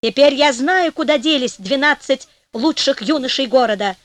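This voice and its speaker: A woman's voice: high voice, normal speed, fairly bright tone, no room sound. A woman voicing a clever, cheeky young man in a storybook tale, mock-modest and then commanding.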